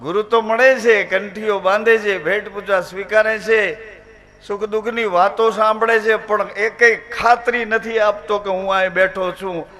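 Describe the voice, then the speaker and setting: High-voiced man telling a sacred tale. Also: steady tone, unhurried, sharp tone. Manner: dramatic storytelling, repeats phrases for emphasis. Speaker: devotional storyteller. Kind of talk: devotional discourse.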